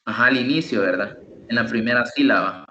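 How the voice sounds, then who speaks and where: A man's voice: mid-range voice, fairly quick, sharp tone, dull audio, a little hiss or hum. Man patiently teaching online. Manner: patient, explaining step by step with frequent "¿verdad?". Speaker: English tutor.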